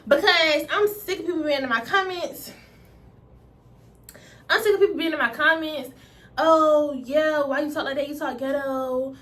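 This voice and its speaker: A woman in her twenties with a stuffy nose, chatting to camera in fast, slangy talk. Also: high voice, a bit bright. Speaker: vlogger. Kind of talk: casual chat to camera.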